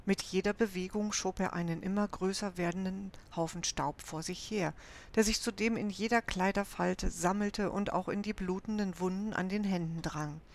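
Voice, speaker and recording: Eine Frau, die ruhig und gleichmäßig ein Kinderabenteuerbuch vorliest. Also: female voice, medium pitch, steady tone, normal speed. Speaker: audiobook narrator. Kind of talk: scripted narration of a children's adventure book.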